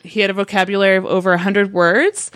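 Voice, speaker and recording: A woman's voice: medium pitch, level tone, fast, a bit bright, dry recording, clean studio sound. A woman telling animal stories in casual podcast chat, full of fillers. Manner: chatty storytelling with many fillers. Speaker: podcast guest.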